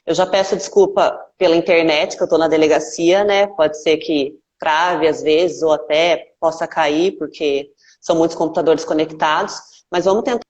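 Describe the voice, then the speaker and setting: A woman's voice: deep voice, steady tone, moderate pace, darkish tone. Woman on a crackly, breaking-up call line. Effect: choppy, crackly call line that keeps breaking up. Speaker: deputy police chief, interview guest. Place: police station office. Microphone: remote video call. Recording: muffled lo-fi call audio.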